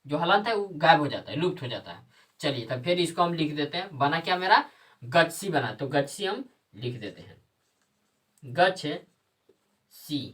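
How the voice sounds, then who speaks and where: A woman's voice: deep voice, sing-song, moderate pace, long pauses, a bit bright. A woman teacher explaining a lesson step by step, asking questions and answering them herself. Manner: asks and answers her own questions, repeats each step. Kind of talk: classroom lesson. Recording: voice heard from a distance.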